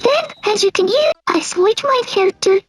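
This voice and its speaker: A man talking through a voice changer that pitches him up into a young anime girl, chatting casually while gaming. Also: lively intonation, normal speed, a bit bright, faint music behind. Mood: explaining. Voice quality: very high synthetic-sounding pitch. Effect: voice changer shifting pitch way up. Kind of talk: casual gaming demo and trolling.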